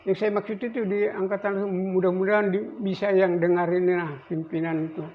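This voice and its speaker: An elderly man in his eighties, a navy veteran, recalling his service in a rambling, halting way with many restarts. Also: high voice, level tone. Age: 80s. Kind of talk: recorded interview. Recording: dull lo-fi recording with faint noise.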